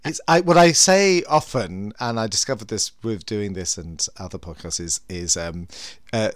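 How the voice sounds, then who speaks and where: Theatrical, campy man with wide swooping pitch. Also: expressive, normal speed, no room sound. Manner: theatrical, campy, with endearments like darling. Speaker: podcast co-host. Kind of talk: chatty, bantering podcast talk.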